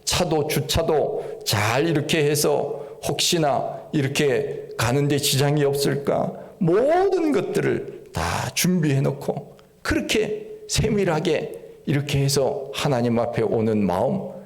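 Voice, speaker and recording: A man's voice: a little high, very animated, slow, creaky. Rhetorical, conversational male pastor preaching. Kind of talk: sermon.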